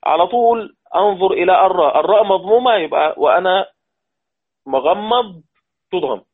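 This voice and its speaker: A male teacher leads a Quran recitation lesson, his voice sitting a little high. He rattles through the rules, then slows down to recite each example and says it again. The sound is narrow and tinny, like a phone line. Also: lively intonation. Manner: explains rules quickly, then recites verses slowly and repeats them.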